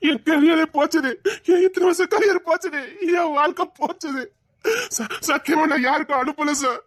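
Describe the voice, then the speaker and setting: A frantic young man, begging and wailing to be believed, speaking with a Tirunelveli Tamil accent , as a woman acts him out. The voice sits fairly high and the recording is dry and close. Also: a little fast, no room sound. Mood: frantic pleading. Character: panicked young male boyfriend, pleading and guilt-ridden.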